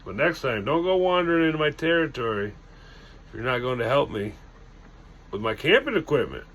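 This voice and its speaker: A man voicing a confused, frustrated male Sasquatch with a surprisingly high-pitched, whiny voice in a spoken campfire story. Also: very animated, a little fast, a bit bright. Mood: huffy. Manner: whiny, petulant.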